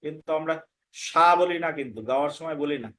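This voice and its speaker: A man's voice: fairly high pitch, rapid-fire. A man teaching a scripture class, patiently repeating words to demonstrate correct pronunciation. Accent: Bengali. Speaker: Gita course teacher. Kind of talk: pronunciation lesson.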